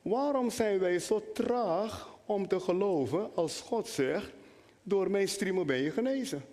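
High-voiced animated male preacher. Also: unhurried. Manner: animated, talks directly to the congregation. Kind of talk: sermon. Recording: long hall reverb.

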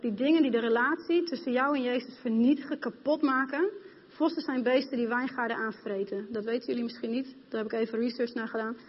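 Passionate woman preaching in a hall. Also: on the high side. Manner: passionate, addresses congregation directly. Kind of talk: sermon. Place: church hall. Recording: dull, reverberant hall sound.

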